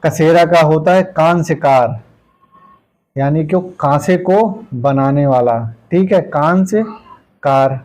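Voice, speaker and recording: A man with a somewhat high voice teaches a Hindi grammar class for exam students. He explains patiently with homely everyday examples. He goes word by word, repeating each one slowly and dropping "okay" after nearly every point. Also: darkish tone, poor audio. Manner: repeats words slowly, tags lines with "ठीक है". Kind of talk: exam-prep grammar lesson.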